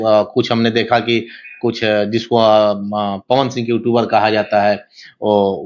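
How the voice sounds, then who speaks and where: A man, giving an interview in an animated, emphatic, lecturing way. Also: on the low side. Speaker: interview guest. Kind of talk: casual interview talk. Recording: dull lo-fi sound.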